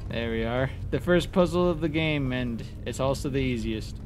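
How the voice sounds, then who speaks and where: This man's voice is medium in pitch and his pace is moderate as he commentates his own gameplay. Playful and informal, he exclaims and mocks his foes, with noticeable game noise behind him.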